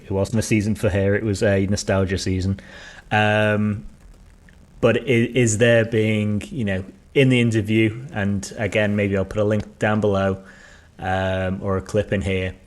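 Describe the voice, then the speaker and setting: A man's voice: fairly low pitch, flat delivery, unhurried. A man co-hosting a podcast, talking casually in a rambling, hesitant way with many ums. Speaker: podcast co-host. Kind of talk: casual chat.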